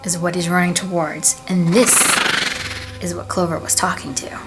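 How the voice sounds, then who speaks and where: A woman narrating a storybook tale with soft, deliberate pauses. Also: on the low side, level tone, over loud music. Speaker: storyteller and video creator.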